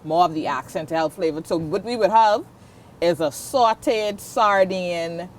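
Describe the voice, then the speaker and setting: A woman's voice: fairly low pitch, a little slow, slight background noise. A Bahamian woman guest on a talk show, chatting casually as she explains a recipe step by step. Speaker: guest cook. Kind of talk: casual chat.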